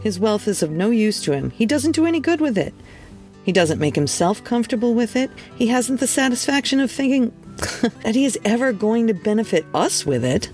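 A reader voicing Scrooge's cheerful young nephew in a storybook reading, merry and quick to laugh. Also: medium pitch, animated, darkish tone, soft background music, voice pushed up, natural voice. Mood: jovial.

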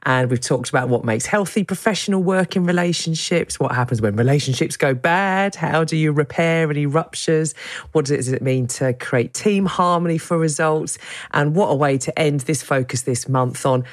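A podcast co-host opens the episode with an upbeat summary. The voice sits at a middling pitch and sounds dry and close, with no room echo. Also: moderate pace. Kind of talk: episode introduction.

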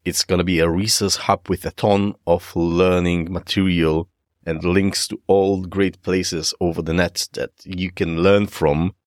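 A man's voice: sits low, level tone, measured pace, a little mellow, dry recording, studio quality. A man with a Polish accent hosting a podcast solo, enthusiastic and informal as he speaks directly to listeners. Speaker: podcast host. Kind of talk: solo podcast presenting, semi-scripted.

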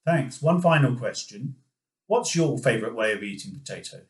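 A man co-hosting a podcast, asking questions in a lively way. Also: medium pitch, normal speed, echoey room. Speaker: podcast co-host. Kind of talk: casual podcast interview.

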